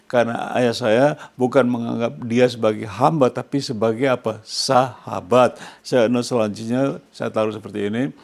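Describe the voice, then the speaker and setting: A man's voice: mid-range voice, steady tone, normal speed, vocal fry. A male pastor preaching a sermon, questioning his congregation and answering himself when he speaks English. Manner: asks the congregation questions and answers them himself, rising loud on quoted words.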